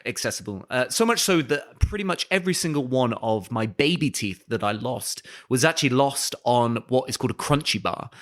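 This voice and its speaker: A man's voice: mid-range voice, expressive, brisk, few pauses, fairly bright tone. A man co-hosting a podcast, telling comic stories about himself in a rambling, casual way full of fillers. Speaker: podcast co-host. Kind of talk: casual improvised chat.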